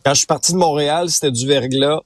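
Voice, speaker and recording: A man's voice: fairly high pitch, fast, no echo. A man from Abitibi with a Quebec French accent, chatting as a radio columnist from his parked car, telling stories and laughing often. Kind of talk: casual radio chat. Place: parked car at a rest stop.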